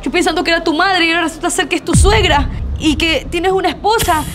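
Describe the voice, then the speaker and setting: A woman's voice: very high-pitched, fast talker, fairly bright tone, a little hiss or hum. An actress playing a young girlfriend who is shocked, bewildered and distressed after being deceived, in a melodramatic web drama.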